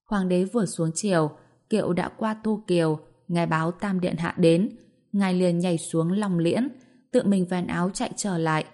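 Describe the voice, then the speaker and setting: A woman narrating a fantasy novel aloud in an even, storytelling manner. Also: on the low side, normal speed. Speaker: audiobook narrator.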